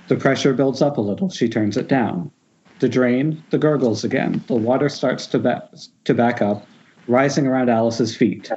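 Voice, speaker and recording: Over a noisy, dull-sounding remote group Skype call, a man reads the directions from a screenplay during an informal table read. His medium-pitched voice is a little mellow, and he sometimes stumbles before restarting.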